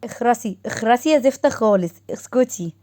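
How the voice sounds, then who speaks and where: A woman voicing a sharp-tongued middle-aged mother who scolds loudly, with an Egyptian accent. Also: fairly high pitch, expressive, fairly quick, natural voice. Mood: scolding. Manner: scolding, shouting.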